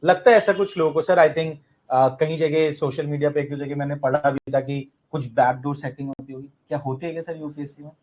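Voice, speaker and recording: A man's voice: fairly high pitch, fairly even intonation, brisk, few pauses, a little mellow. Indian guy running a coaching orientation in class, mixes hindi n english, quizzes the students. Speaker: UPSC coaching teacher.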